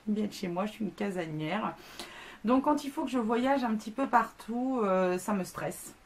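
Casual woman vlogger in her thirties, medium pitch, talkative and self-mocking, light noise behind her. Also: lively intonation, moderate pace. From France. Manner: chatty, self-deprecating, many fillers. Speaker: beauty blogger. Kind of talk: casual product review.

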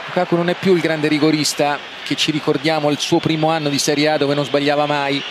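A man's voice: fairly high pitch, flat delivery, fast. An Italian man co-commentating live on penalty kicks, explaining the technique and often repeating his words. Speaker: football co-commentator, analyst. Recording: noisy live stadium broadcast.

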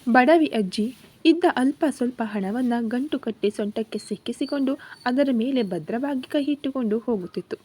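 A woman narrates a romantic story from a script. Her reading is expressive and dramatic. Her voice sits a little high. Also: moderate pace, breathy edge.

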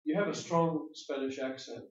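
A man's voice: on the high side, fairly even intonation, moderate pace. Patient male teacher in an echoey classroom. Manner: patient, explanatory, repeats words while thinking. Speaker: IELTS speaking teacher giving feedback. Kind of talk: spoken test feedback. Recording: echoey room, distant dull mic.

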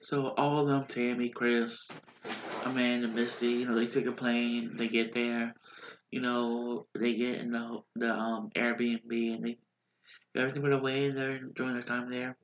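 A man in his thirties with a stuffy, congested nose recaps a reality show from his small bedroom, posters on the wall, via a desk webcam. His mid-range voice has little pitch movement at normal speed, and the highs are cut off. The casual, rambling vlog is full of fillers and restarts.

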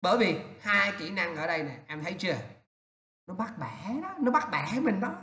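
Man, English teacher, animated, pitch jumping all over, corrects and teases, roomy echo. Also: a little fast. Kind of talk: correcting student writing aloud.

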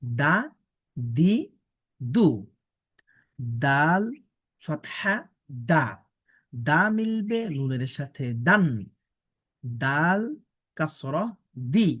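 A man teaching Quran reading and tajweed, drilling Arabic letters syllable by syllable with slow, drawn-out pronunciation. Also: on the high side, expressive, fairly bright tone. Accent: Bangladeshi Bengali. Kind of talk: slow recitation lesson.

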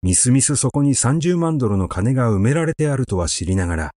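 Measured and expressive, a male narrator carries a literary short story for an audiobook. His voice sits in the mid range, and the studio-quality recording is dry.

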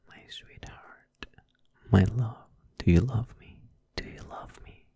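A young man in a whispered role-play as a devoted boyfriend, very slow and intimate. His breathy whisper sits right on the microphone, with a gravelly creak where the voice comes through, and he repeats his phrases tenderly. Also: on the low side, mellow, no room sound, dull audio. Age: 20s. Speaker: ASMR performer. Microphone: close studio microphone, headphones on.

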